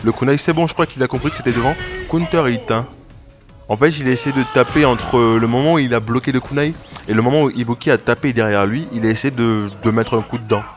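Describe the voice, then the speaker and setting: A man giving casual play-by-play commentary on his own online fighting game matches, rambling, restarting his sentences and breaking into sudden excited outbursts. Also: medium pitch, quick pace. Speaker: gaming video creator. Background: game music.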